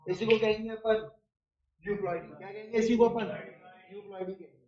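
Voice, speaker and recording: High-voiced male teacher in a roomy space. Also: unhurried. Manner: asks the class questions and answers them himself; casual, uses everyday classroom examples. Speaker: biology teacher. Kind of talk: classroom lecture. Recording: roomy, distant and dull-toned.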